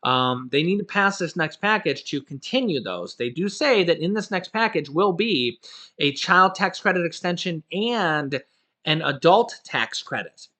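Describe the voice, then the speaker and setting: A man's voice: a little high, lively intonation, unhurried, bright, forceful tone. A man giving casual political commentary in a vlog, rambling and filling his talk with "you know" and "of course". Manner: self-correcting, loose talk. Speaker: vlogger on stimulus news.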